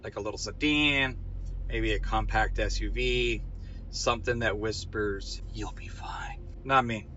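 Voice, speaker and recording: Bright-voiced man telling a wry comic story. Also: on the low side, fairly even intonation, measured pace, lo-fi sound, a little hiss or hum. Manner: dry, wry asides and punchlines.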